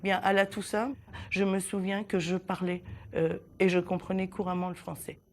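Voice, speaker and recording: A woman in her sixties, born in southern Italy with Italian as her first language, recounting her childhood in a halting, reflective way with many pauses. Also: lowish voice, flat delivery, a little hiss or hum. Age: 60s. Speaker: interviewee. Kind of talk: personal testimony in a documentary.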